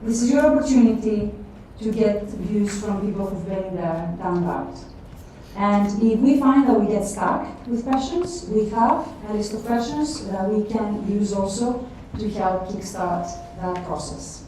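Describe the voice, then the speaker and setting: A woman's voice: medium pitch, measured pace, dark tone, a little hiss or hum. Woman moderating a panel in an echoey hall. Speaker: event moderator. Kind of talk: hosting a panel discussion. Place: university lecture theatre. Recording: echoey lecture theatre from far off.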